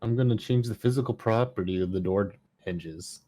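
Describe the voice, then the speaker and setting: A man plays in a casual tabletop game with offhand, wry remarks. His voice sits fairly low. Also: normal speed, dark tone. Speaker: player.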